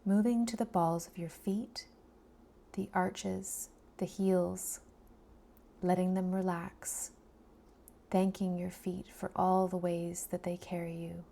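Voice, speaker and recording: This meditation guide leads a body scan in a voice on the low side with a level tone. Soft, breathy and soothing, she frequently fades to almost a whisper, letting long pauses sit between her phrases.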